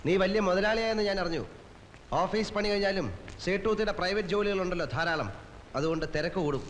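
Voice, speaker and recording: An actor playing a stern, protective elder brother who speaks in low, firm, measured warnings, in an old film soundtrack. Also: male voice, a bit bright, long reverb tail, a little hiss or hum, poor audio. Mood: menacing. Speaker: lead actor in a crime drama film.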